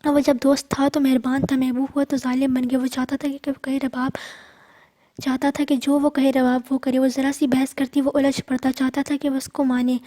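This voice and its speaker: Woman reading a story in a high flat voice. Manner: steady, plain reading with small slips. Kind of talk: romantic story read aloud.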